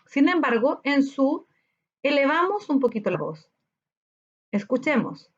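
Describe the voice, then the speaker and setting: Chilean woman teacher, high lively voice, unhurried, dull lo-fi audio. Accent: Chilean Spanish. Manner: slow, sounds out syllables in a drawn-out voice. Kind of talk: recorded classroom lesson.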